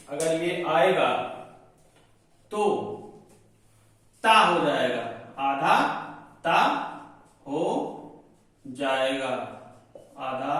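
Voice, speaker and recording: Man, teacher, grammar lesson, repeats himself, answers his own questions, slightly high voice. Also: fairly bright tone. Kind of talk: exam-prep Hindi grammar lesson. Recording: very echoey room, far from the mic.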